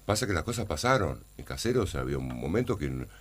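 An Argentine man, an actor in a casual interview, who speaks haltingly and often repeats words while searching for them. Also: very deep voice, big pitch swings. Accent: Argentine Spanish.

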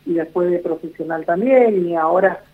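This is a high-pitched man speaking at a moderate pace, an Argentine-accented executive director taking part in a radio interview by phone. His manner is soothing and repetitive, heavy with filler words, and the line sounds thin and tinny.

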